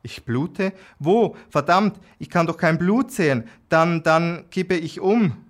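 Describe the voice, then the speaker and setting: A man voicing a shy, injured young man who stammers and panics, pitching his voice higher. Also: lively intonation, slow pace. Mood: panicked.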